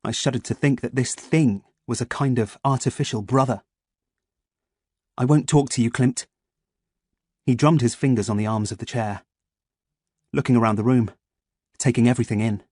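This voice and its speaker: Man, audiobook narrator, first-person storytelling, measured, mid pitch, dry close mic. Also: steady tone, darkish tone, no echo.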